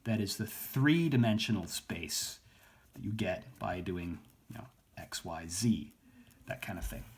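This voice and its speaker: A man giving a casual recorded math lesson, explaining at an easy pace with lots of fillers and quick self-corrections. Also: deep voice, animated, a little mellow, breathy edge. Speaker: math instructor.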